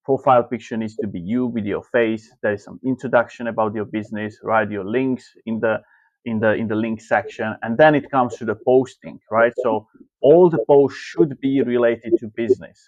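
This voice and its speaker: A man's voice: medium pitch, normal speed, a little mellow, dry recording. Man from slovakia on a video call, loose rambly answers, kinda dull dry audio. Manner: loose, filler-heavy phrasing. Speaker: guest, marketing coach. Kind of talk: interview answers.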